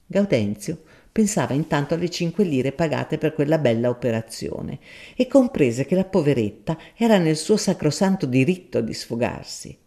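A man narrating a story in an expressive, measured reading. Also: on the high side, vocal fry. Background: soft guitar music.

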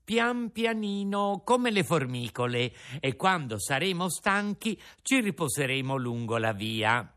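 A man reading aloud, voicing a lively, earnest wooden boy puppet. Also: on the high side, measured pace, few pauses, pitched above the performer's own voice.

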